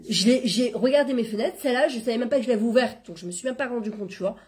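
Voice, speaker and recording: A middle-aged woman giving an informal religious lesson, talking in a lively, conversational way and dropping Hebrew terms into her French. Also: a little high, very fast. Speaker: Torah class teacher and coach.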